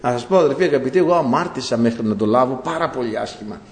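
A man preaching a sermon, lively and animated, acting out the voices of the people he talks about. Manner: animated, acts out voices of people and God in rising pitch. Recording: echoey hall.

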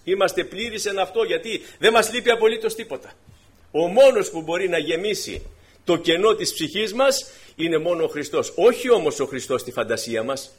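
A man preaching a sermon to his congregation, swinging from quiet explanation to emphatic, raised exhortation. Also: fairly high pitch, breathy edge. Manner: preaching with emphatic rises and drops, addressing brothers.

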